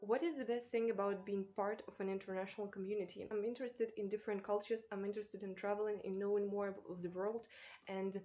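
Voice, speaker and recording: A woman from Ukraine with a Ukrainian accent, a native Ukrainian speaker, talking casually to camera as a booktuber in a thoughtful, halting way. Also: mid-range voice, fairly even intonation, faint music behind. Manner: thoughtful, halting, with small restarts and soft laughs. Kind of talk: casual vlog talk to camera.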